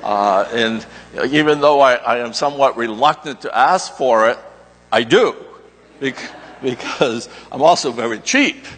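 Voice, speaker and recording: An older man gives a sermon as a returning guest preacher, unhurried and self-deprecating, with a middle-pitched voice. He slips in many fillers before reading scripture aloud. His voice rings out with a long reverb through the church. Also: lively intonation, a bit bright.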